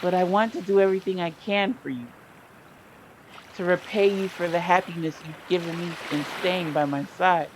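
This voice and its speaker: A woman's voice: lowish voice, fairly even intonation, normal speed, background noise, natural voice. A woman reading the lines of an earnest, devoted young heroine in a story game, in her own tender voice.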